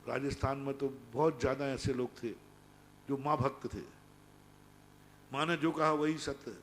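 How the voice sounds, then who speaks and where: A man, a Jain monk, giving a sermon as emphatic storytelling that swings between hushed and loud. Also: mid-range voice, fairly even intonation, a little slow, slight background noise.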